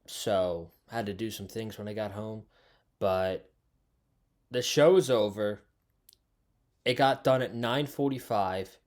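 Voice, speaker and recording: An American man hosting a casual, opinionated review vlog, speaking emphatically and repeating his points for stress. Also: fairly low pitch. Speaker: host of a wrestling review channel.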